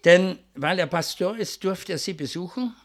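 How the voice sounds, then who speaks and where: A man's voice: high voice, normal speed. A man preaching a sermon, telling a story in a storytelling way that rises to fervent emphasis, then closing with a prayer.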